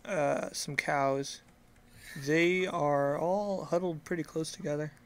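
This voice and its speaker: Slow-paced game master, mid-pitched voice. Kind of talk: narrating a tabletop game.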